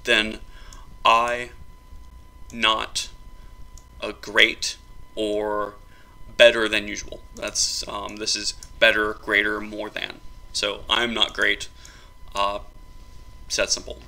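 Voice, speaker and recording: A man explaining a phrasebook for his invented language, in a halting, casual way with many ums and restarts. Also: on the low side, monotone, bright, forceful tone. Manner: halting, many ums and uhs, self-correcting.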